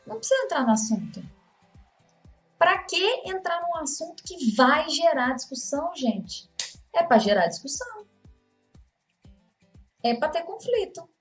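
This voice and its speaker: High-voiced Brazilian woman giving advice. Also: big pitch swings, a little slow, long pauses, dull audio, soft background music. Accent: Brazilian Portuguese. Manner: conversational, acts out example dialogues. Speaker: course instructor. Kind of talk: motivational talk on communication.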